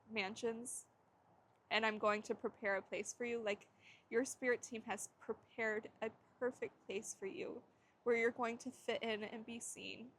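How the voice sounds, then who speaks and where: A young woman talks her way through a tarot reading in a casual, meandering way. Her voice sits a little high, and she breaks into laughs between half-finished thoughts. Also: slight background noise. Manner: rambling, searching for words, laughing often. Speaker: tarot reader.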